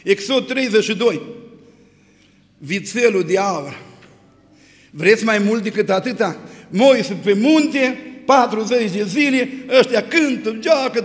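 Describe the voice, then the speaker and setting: A man preaching a sermon, retelling scripture stories with lively, rising emphasis. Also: very high-pitched. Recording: long hall reverb.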